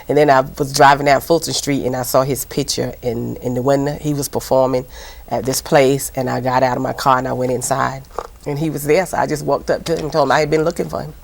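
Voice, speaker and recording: A woman with a Southern US accent, who works as a TV host and producer, appears as a guest in a casual interview, rambling along with lots of fillers. Her voice is bass-deep with vocal fry.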